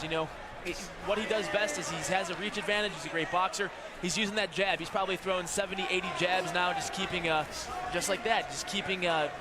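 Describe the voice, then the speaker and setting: A man giving excitable, conversational color commentary on a live fight, speaking from ringside. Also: high voice. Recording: loud crowd and arena noise.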